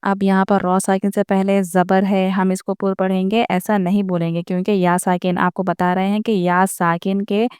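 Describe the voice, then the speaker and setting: A woman teaching a recitation lesson online. She explains each rule patiently, speaks straight to her viewers, and slows down to sound out example words. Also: medium pitch, flat delivery, a little mellow, clean tone, dry recording, clean studio sound. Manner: patient step-by-step explaining, repeating each point; addresses viewers directly.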